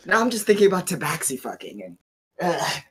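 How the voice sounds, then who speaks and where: In casual in-character banter over a tabletop game, this male player jokes and speaks wryly. His fairly high voice is sing-song and a little fast, with a breathy edge.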